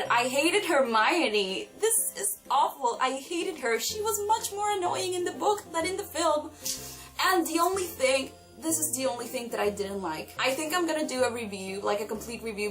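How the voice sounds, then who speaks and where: A young woman chatting excitedly about books she has read, gushing over her favourites in a casual vlog. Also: fairly high pitch. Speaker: book vlogger. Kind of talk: casual book review vlog. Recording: distant mic with faint background music.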